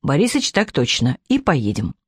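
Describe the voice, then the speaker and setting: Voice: mid-range voice, wildly swooping pitch, normal speed, breathy edge, dry recording, clean studio sound, voice pushed down. A man reading a story, voicing an eager stocky village man with hearty rural speech.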